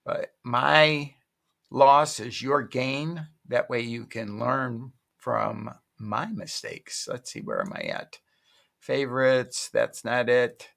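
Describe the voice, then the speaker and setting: A middle-aged man with a mid-range, gravelly, fairly bright voice walks viewers through an online auction site from his home desk. Very animated yet slow, this online shopping vlogger chats through a casual screen-share, rambling and correcting himself as he goes.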